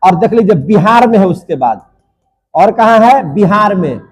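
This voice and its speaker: High-voiced teacher drilling answers. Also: male voice, animated, normal speed, husky. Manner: call-and-response drilling, repeating each answer. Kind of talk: classroom lecture.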